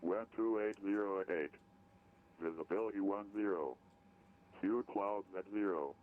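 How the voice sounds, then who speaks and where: Deep male airport weather broadcast over radio. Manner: steady, measured readout of numbers. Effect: recorded airport weather broadcast over aircraft radio. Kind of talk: reading airport weather information. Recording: tinny radio line with faint hiss.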